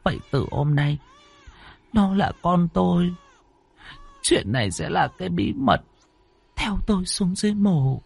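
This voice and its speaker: A man voicing a grieving older landlady mother in a storybook ghost tale, speaking in a hushed, tearful, pleading way. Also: high-pitched, very animated, unhurried, gravelly, pauses often, breathy edge, no echo, voice pushed up, full character voice. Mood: solemn.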